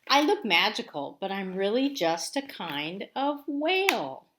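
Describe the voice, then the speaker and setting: This forties-aged elementary teacher speaks in a sing-song, medium-pitched voice at a slightly slow pace. She's giving kids an informal lesson and read-aloud, explaining simply and expressively, recorded with roomy echo and faint background noise.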